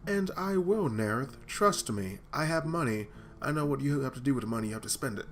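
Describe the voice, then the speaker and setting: A man's voice: medium pitch, lively intonation, a little fast, a bit bright, slight background noise. A man reading a visual novel aloud for his gaming channel, voicing the lines dramatically and breaking off for joking asides.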